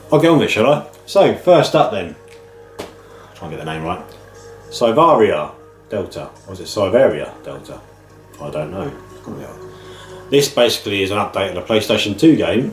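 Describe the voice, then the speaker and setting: Suffering from man flu, a head cold, this low-voiced British host of a video game pick-ups channel sounds slightly nasal and bunged up as he chats casually to camera. Music plays underneath in a recording with a roomy echo.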